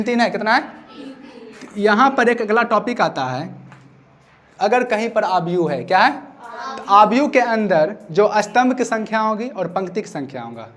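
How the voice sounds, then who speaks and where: A man teaching a maths class, repeating his questions so students answer back. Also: high-pitched. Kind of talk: classroom lecture.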